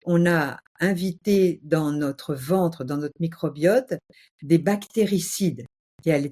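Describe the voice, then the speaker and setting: Female guest with a low, mellow voice; passionate, emphatic and animated. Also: slightly rough. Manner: animated, emphatic, uses vivid exaggeration. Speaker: guest health speaker. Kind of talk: passionate casual explanation.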